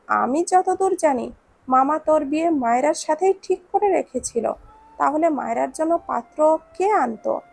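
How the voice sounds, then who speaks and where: A woman's voice: high-pitched, animated, normal speed, gravelly, a little mellow, no room sound. A woman voicing a nosy, teasing young man in a read-aloud romance story, chatty and full of questions.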